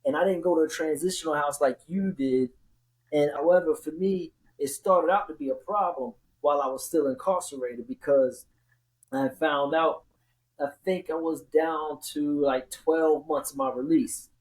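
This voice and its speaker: Higher-voiced man, casual and emphatic storyteller. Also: moderate pace, low-quality recording.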